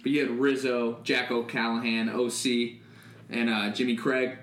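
A man's voice: medium pitch, level tone, moderate pace, a bit bright, echoey room, a little hiss or hum. A man co-hosting a podcast, chatting casually and loosely, swearing freely and saying "like" a lot. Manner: laid-back, swears freely, lots of "like". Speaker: podcast co-host. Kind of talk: casual chat.

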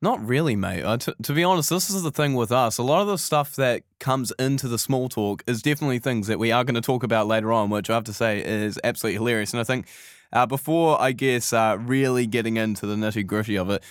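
A man's voice: mid-range voice, quick pace, dry recording, clean studio sound. A man co-hosting a podcast in casual chat, enthusiastic and swearing casually. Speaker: podcast co-host.

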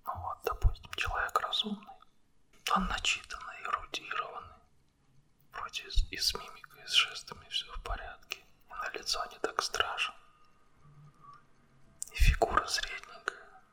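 A man speaking an ASMR monologue straight to the listener in a breathy, unvoiced whisper, right in the ear and close to the mic, with blunt wording. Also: moderate pace, long pauses, sharp tone. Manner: blunt, coarse language.

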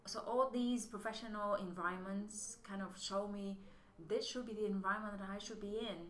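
Here a woman from Vietnam, a guest who is studying for an MBA, answers interview questions casually at a moderate pace. Her voice sits in the mid-range with fairly level intonation, and she speaks thoughtfully, restarting frequently with non-native English phrasing, in an echoey room where faint noise can be heard.

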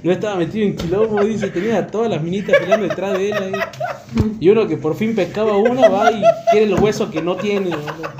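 A man's voice: high voice, quick pace, heavy background noise. A young man from Argentina with a Córdoba accent, hosting a podcast and teasing his friend through laughter. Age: young adult. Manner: teasing, laughs while talking. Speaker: podcast host. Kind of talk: casual chat.

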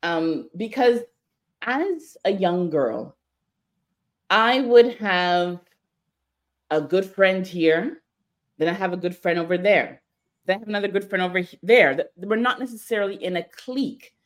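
A woman co-hosting a podcast, talking casually and candidly in quick bursts. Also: fairly low pitch. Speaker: podcast co-host.

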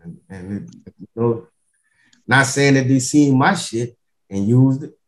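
A man's voice: mid-range voice, a little slow, roomy sound. A man chatting casually in street slang, circling back over his words and often adding bro, man and you know. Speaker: comedian, podcast guest.

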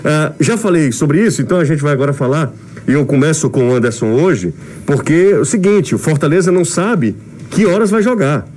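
A man's voice: a little high, expressive, brisk, a little mellow, a little hiss or hum. A man hosting casual sports radio talk, his voice muffled because he speaks through a face mask. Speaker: sports radio show host. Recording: studio mic muffled by mask, music bed.

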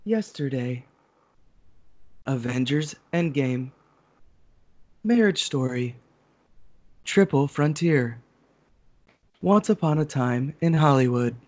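A man's voice: medium pitch, animated, takes it slowly, pauses often, a little mellow. A man hosting a podcast as a mock awards emcee, presenting in a casual, joking way.

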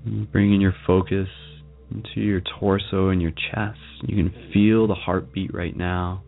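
Soft deep-voiced man guiding meditation. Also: creaky, phone-quality sound. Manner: soft, calming, slow with long pauses. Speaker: meditation guide, show host. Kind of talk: guided meditation. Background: music.

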